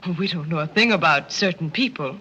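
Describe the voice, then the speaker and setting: Sharp, snide screwball comedy heiress. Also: female voice, on the low side, expressive, a little fast, husky, highs cut off, heavily acted. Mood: haughty complaint. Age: young adult. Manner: cutting, sarcastic. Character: snide, haughty spoiled society daughter. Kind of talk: 1930s screwball comedy film banter. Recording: noisy 1930s film soundtrack.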